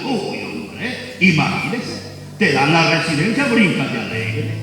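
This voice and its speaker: Honduran preacher guy, really high bright voice, slow, far off in a big echoey church, soft music behind. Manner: preaching with rising shouts and questions to the congregation. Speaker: pastor. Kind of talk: sermon. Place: church hall.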